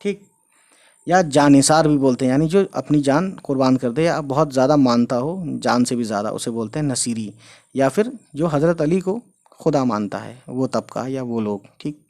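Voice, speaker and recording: A man giving a casual spoken language lesson. He spells out letters slowly, repeats each word and often adds short check-ins. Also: medium pitch, darkish tone. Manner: explains slowly, spells out letters, repeats words, fills with "theek hai". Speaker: language teacher.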